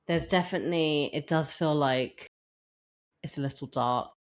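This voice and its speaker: A woman co-hosting a casual chat, chatty and quick to laugh. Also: sits low. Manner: chatty, laughs often, quotes people in put-on voices. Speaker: podcast co-host.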